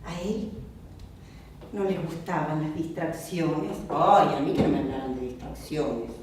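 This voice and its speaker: On a theatre stage, an actress with an Argentine Spanish accent plays Olga, a prim middle-aged wife devoted to her husband, in a one-woman theatrical monologue. Her female voice is measured and prim, expressive, mimicking sounds and shifting pitch for emphasis. The echoey recording is made from afar with music and slight background noise, far from the mic.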